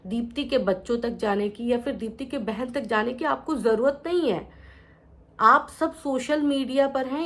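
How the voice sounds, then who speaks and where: Earnest woman reaction host. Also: on the high side. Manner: earnest, lecturing, addresses people directly. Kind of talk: opinion commentary to camera.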